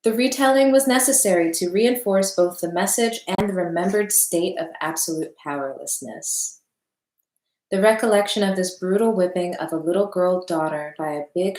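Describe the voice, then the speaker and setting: A woman's voice: fairly low pitch, a little mellow. A woman reads a book aloud, sighing often and breaking off for chatty asides to her viewers. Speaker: book reader and commentator. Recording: roomy echo.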